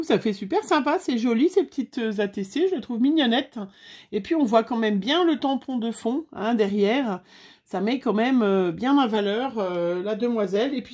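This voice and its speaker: A woman's voice: fairly high pitch, darkish tone. Chatty woman crafting on camera. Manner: chatty, addresses viewers, many fillers. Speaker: scrapbooking crafter. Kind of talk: casual craft tutorial.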